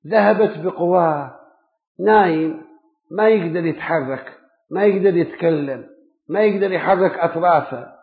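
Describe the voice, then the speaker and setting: Man preaching on a tinny, echoey line. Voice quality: emphatic, rhythmic listing of words, rising then dropping low. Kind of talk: sermon. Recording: echoey, phone-like lo-fi recording.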